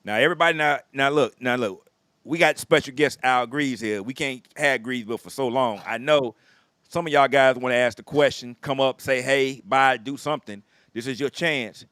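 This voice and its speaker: A man hosts a relaxed conversation in an easygoing, affirming manner. His voice sits at an average pitch. The sound is dry, with no room echo. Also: moderate pace. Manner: easygoing, affirming with frequent yeahs. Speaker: host. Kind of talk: casual chat.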